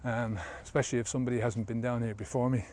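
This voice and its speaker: A man around fifty who works as a sobriety coach rambles casually through a vlog, with plenty of fillers, as he walks an outdoor trail. His mid-range voice is fast, level in tone, and a little mellow, captured on a handheld camera held at arm's length.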